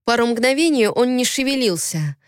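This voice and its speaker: A woman narrating a first-person audiobook in an expressive reading voice. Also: a little high, moderate pace, clean tone, dry recording, clean studio sound.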